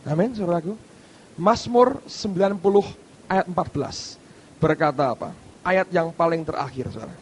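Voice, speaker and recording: A middle-aged male pastor preaching a sermon, emphatic, with sudden loud outbursts and quiet asides. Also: a little high, normal speed, slightly rough.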